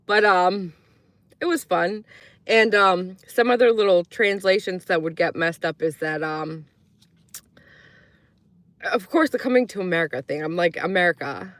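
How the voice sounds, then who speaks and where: A woman from Croatia, streaming live, talks to her audience in a lowish, slightly bright voice at a measured pace with long pauses, in a dry recording. She tells casual stories in a rambling manner, using many fillers and voicing the characters she quotes.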